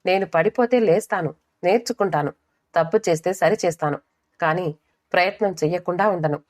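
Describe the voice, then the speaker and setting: A resolute young wife who speaks calmly and firmly, voiced by a woman narrator. Her tone is low and steady, close to the reader's own voice. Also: a little fast, close to an everyday voice. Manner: calm, firm.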